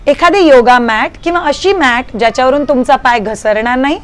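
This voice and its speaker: A woman's voice: sits high, normal speed. A woman hosting a prenatal fitness video, talking to viewers in a friendly, chatty way and asking how they feel. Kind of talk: casual talk to viewers.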